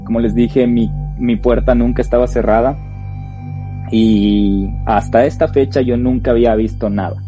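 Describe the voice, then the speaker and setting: A man tells a personal ghost story to podcast listeners, slowly and with suspense. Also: medium pitch, steady tone, dark tone. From Ecuador. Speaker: podcast co-host. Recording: dull lo-fi sound with faint music.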